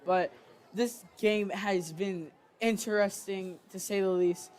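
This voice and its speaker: A young man co-commentating a high school football game, casual and a bit halting. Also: fairly even intonation, a little mellow. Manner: casual, halting, breaks into laughter.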